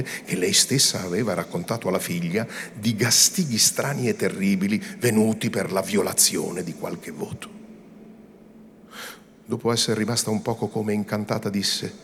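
A man, an actor, reading a novel aloud in a measured, dramatic style that often drops to a hush. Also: fairly low pitch, slight background noise. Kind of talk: theatrical literary reading.

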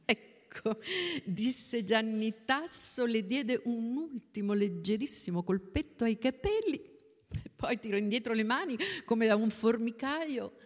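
Slow, expressive audiobook reader. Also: mid-range voice. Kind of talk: audiobook narration of a novel. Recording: long reverb.

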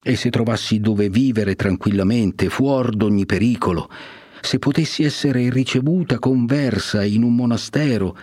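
A man's voice: mid-range voice, normal speed, darkish tone, no room sound, pitched above the performer's own voice, lightly acted. A man reading aloud voices a tearful, pious young woman in a storybook reading, raising his voice for her. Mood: resigned. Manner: sobbing, pleading.

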